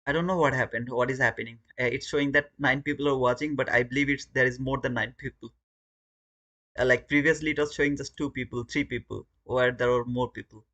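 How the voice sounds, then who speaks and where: A Bangladeshi trading livestream host talks fairly quickly in a mid-range voice, steady but bright and forceful. His casual commentary and chat with viewers comes in Bangladeshi-accented English, with lots of repeated words.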